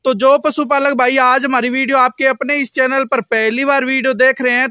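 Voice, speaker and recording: A man's voice: extremely high pitch, sharp tone, a little hiss or hum. A middle-aged man hosting a promotional interview outdoors at a buffalo farm, holding a small handheld mic and asking repetitive, leading questions with polite address. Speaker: dairy channel host interviewing a buyer.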